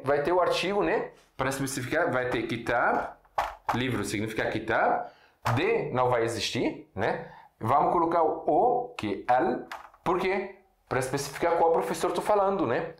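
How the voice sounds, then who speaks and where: Arabic-speaking man teaching in an echoey room. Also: a little high. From Syria. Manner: explains slowly with repeated examples and frequent check-ins. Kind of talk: casual video lesson at a board.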